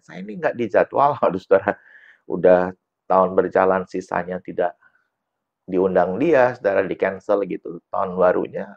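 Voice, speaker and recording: A male pastor preaching a sermon with a gravelly, low voice. He tells a story and keeps turning to the congregation. The church recording sounds dull and lo-fi. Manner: tells a story, often calls the congregation "saudara". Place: church service.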